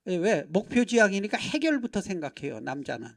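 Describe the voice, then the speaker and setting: Animated middle-aged man preaching to a congregation. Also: high-pitched, fairly quick, vocal fry. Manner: animated, acts out dialogues, constant rhetorical check-ins; swings from hushed asides to loud bursts. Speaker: pastor. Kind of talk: lively church seminar talk. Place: church sanctuary.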